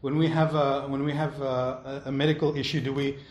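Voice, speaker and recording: Speaking a little fast with a flat delivery at medium pitch, a pastor answers congregation questions in the course of his sermon. He stays conversational, often checking in with "all right?", and the recording has a roomy echo.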